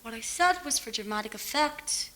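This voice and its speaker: A woman's voice: on the high side, expressive, normal speed, fairly bright tone, slight background noise. An actress playing a blunt, impatient young woman who speaks curtly in a stage musical. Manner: curt, dismissive. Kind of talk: musical theatre acting.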